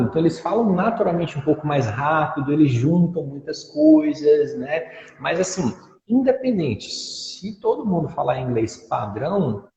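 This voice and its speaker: A man, an English teacher speaking in an interview. He explains patiently and models pronunciations with examples, in a soft, mellow voice pitched a little high. The audio is dull and echoey, with a long room reverb.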